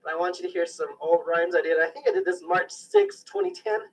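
A man's voice: high voice, wildly swooping pitch, a little fast, creaky, slightly rough, distant mic, rough recording. A young man casually introducing his mixtape tracks, joking and boasting, getting over a sickness. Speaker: amateur rapper presenting his mixtape.

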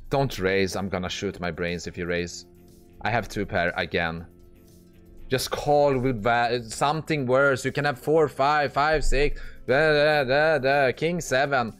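A man's voice: mid-range voice, unhurried, fairly bright tone, soft background music. A man commentating live as he plays online poker, blunt and exasperated, swearing and restarting his sentences often. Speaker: poker streamer.

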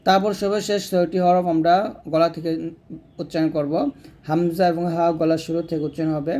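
A man teaching Quran reading step by step, stretching out letter sounds in slow drills. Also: on the high side, little pitch movement, dark tone. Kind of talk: step-by-step recitation lesson.

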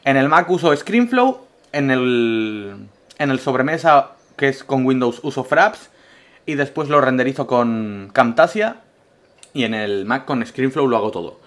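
A man's voice: mid-range voice, expressive, a little slow. A man from Spain, a gaming YouTuber, answering viewer questions in a casual vlog with absurd jokes and a Spanish accent. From Castellón, Spain. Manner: joking, absurd humor, swings between loud bursts and mumbled asides.

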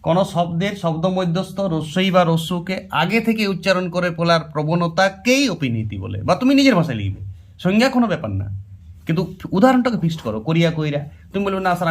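Grammar teacher, male, high and animated, emphatic and repetitive, addresses students directly. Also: quick pace. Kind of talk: exam-prep lesson.

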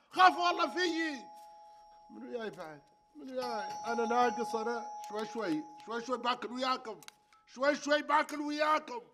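An actor playing a harried homeowner who pleads and shouts for peace in his house, in a TV comedy sketch. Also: extremely high pitch, background noise. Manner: exasperated, pleading, bursts of shouting.

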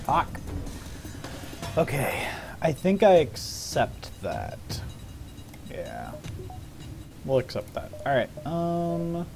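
Lively male game streamer over music. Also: fairly high pitch, extremely slow, creaky, pauses often. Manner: muttering to himself, sweary. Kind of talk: casual live gameplay commentary. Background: video game music.

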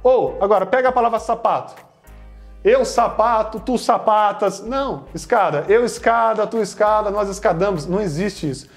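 A man's voice: high-pitched, lively intonation, fairly quick, few pauses, soft background music. A male Portuguese teacher with a Brazilian accent giving a playful online grammar lesson, acting out student questions and talking straight to viewers.

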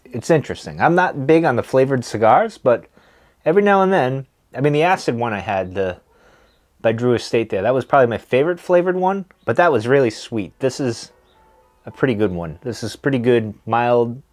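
A man's voice: mid-range voice, animated, a little fast. A man in his thirties chatting casually to the camera as he reviews tobacco, laid-back and hesitant, trailing off between puffs on a cigar. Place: small wood-paneled room, indoors.

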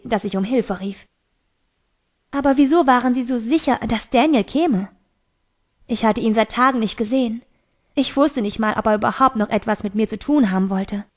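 A woman reading a novel aloud in steady first-person storytelling. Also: a little high. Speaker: audiobook reader.

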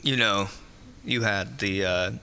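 A man's voice: fairly low pitch, takes it slowly, clear, resonant tone. A young man, a band member, chatting casually as a podcast guest in a studio. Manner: animated storyteller, hums riffs. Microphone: studio mic with headphones.

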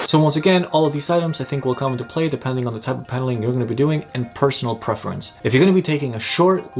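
A young man hosting an instructional vlog, explaining gear in a friendly, step-by-step way from a small indoor gear room. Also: a little high. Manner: friendly, explanatory, gestures while talking. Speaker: kayaking channel host.

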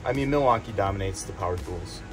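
Young plumber guy chatting while he works, lowish voice, music under it. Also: fast talker, low-quality recording. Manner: relaxed, rambling, lots of "I mean" and "like". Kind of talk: casual on-the-job interview. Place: crawl space under a building.

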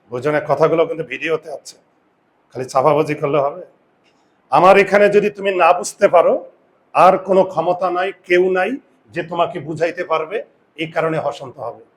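A man teaching a grammar lesson, asking students rhetorical questions and slowly stressing and repeating key words, with confident asides. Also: a little high, steady tone. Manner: addresses students directly with frequent rhetorical questions. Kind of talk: classroom-style video lesson.

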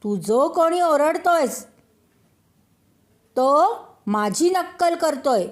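A woman voicing a small, startled little boy who shouts out in a storybook tale. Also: slow pace, full character voice. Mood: shouting angrily. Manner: loud calling out, high and excited.

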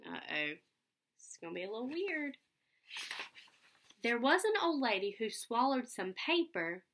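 A young adult woman reads a picture book for children at a measured pace, her fairly high voice a bit bright with big pitch swings, and a little hiss or hum in the recording. She explains simply and asks her listeners questions. She's indoors in a small furnished room at home, recorded on a webcam about arm's length away.

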